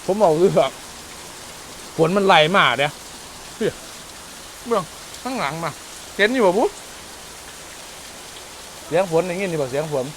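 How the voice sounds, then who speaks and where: Excitable man with an Isan accent. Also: high voice, measured pace, pauses often, slight background noise. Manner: loud, excitable, exclaiming often. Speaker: food vlogger. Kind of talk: casual outdoor cooking vlog. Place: outdoors in the rain.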